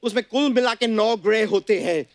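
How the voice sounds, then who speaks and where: A man putting on a bumbling high-voiced fake fan. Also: moderate pace, no echo, studio quality, natural voice. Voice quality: stammering over big words, mixes English. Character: bumbling self-styled Hollywood fan-producer, man, fumbling words. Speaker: comedian in a sketch. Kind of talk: comic sketch impression with broken Hindi grammar. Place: TV studio stage with audience.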